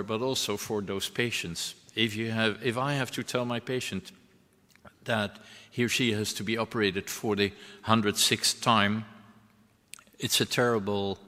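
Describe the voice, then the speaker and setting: A male surgeon lectures in a large hall, his voice on the lower side yet bright and forceful. He explains earnestly, pausing and restarting his phrases. A long reverb trails after each line. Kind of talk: medical conference lecture.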